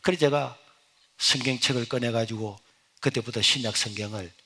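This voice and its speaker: A man's voice: medium pitch, moderate pace, breathy edge. Male pastor preaching a dramatic testimony. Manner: storytelling with sudden swings from loud exclamation to hushed near-whisper. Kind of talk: sermon with personal testimony.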